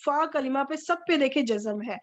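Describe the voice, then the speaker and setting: A woman teaching a Quranic Arabic grammar lecture, patiently repeating verb forms and stressing their endings. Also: high voice. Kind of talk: recorded online grammar lecture. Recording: dull lo-fi recording.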